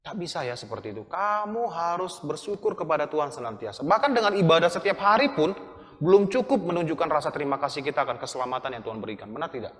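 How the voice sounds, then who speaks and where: A man's voice: a little high, big pitch swings, fast, fairly bright tone. Earnest man preaching to youth in a hall. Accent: Indonesian. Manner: earnest, admonishing, asks the listeners questions. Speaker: Sunday school teacher. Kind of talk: sermon to youth. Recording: long hall reverb.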